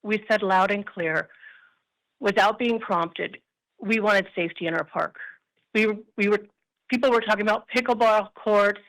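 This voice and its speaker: A woman's voice: mid-range voice, normal speed, a bit bright, poor audio. Woman rambling through public comment. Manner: rambling, emphatic storytelling. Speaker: resident giving public comment. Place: kitchen at her workplace. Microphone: phone or video call.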